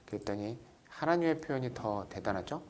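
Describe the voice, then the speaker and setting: Middle-aged male Bible teacher, lively lecturing voice that often asks the class questions. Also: medium pitch, fairly quick, a little hiss or hum.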